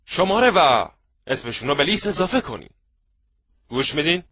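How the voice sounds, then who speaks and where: A man giving an animated seminar lecture on networking, acting out little scenes and checking that his audience follows. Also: fairly high pitch, husky, dry recording. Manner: lively, acts out little scenes, asks the audience if they follow. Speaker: networking trainer.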